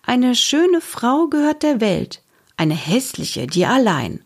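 A woman voicing a jolly, round older man in a children's audiobook, speaking slowly and solemnly in flowery phrases. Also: a little high, big pitch swings, a little mellow, slightly rough, pitched above the performer's own voice, full character voice.

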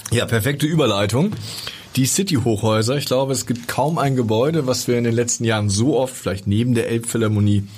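A man's voice: medium pitch, a little fast, darkish tone, a little hiss or hum. A man hosting a podcast interview in a studio, asking questions in a friendly, conversational way. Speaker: podcast host. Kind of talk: casual interview.

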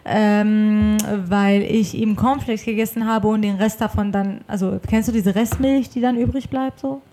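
A woman chatting casually on a podcast from her apartment, animated and full of exclamations. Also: mid-range voice, normal speed. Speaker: podcast co-host.

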